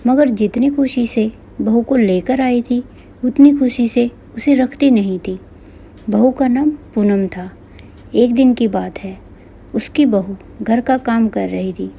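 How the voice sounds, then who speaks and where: A woman's voice: on the high side, takes it slowly, creaky, warm tone, a little hiss or hum. A woman narrating a moral storybook tale in a plain storytelling manner.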